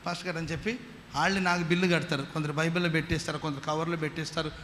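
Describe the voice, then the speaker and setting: Preaching as a pastor with a Telugu accent, this man fires rhetorical questions at the congregation and answers them himself, working in call-and-response and repeated hallelujahs. His voice is fairly high, steady, very fast and slightly bright. A long hall reverb and faint noise color the recording.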